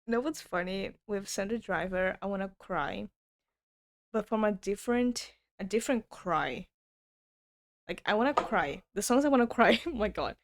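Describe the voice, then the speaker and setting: A young woman hosting a reaction video, gushing and excitable as she comments casually. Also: medium pitch, moderate pace, dry recording, clean studio sound. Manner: gushing, excitable, talks over music.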